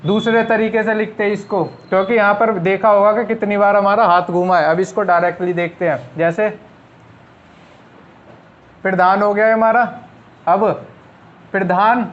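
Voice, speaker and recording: A young man teaches a shorthand lesson in a fairly high voice, talking through each stroke step by step. He asks his class questions and answers them himself. The recording sounds dull and lo-fi. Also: fairly even intonation, normal speed, long pauses.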